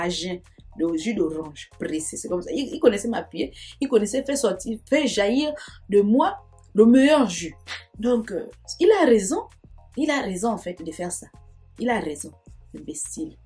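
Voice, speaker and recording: A woman's voice: mid-range voice, mellow. A young woman telling a personal story in a chatty, digressive vlog manner, with sayings and asides. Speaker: storytime vlogger. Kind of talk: casual storytime monologue.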